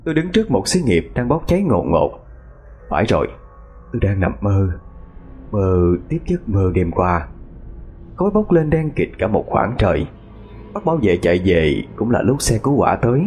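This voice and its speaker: A man narrating a ghost story in the first person, with lively, dramatic storytelling. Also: lowish voice, moderate pace, pauses often, faint music behind.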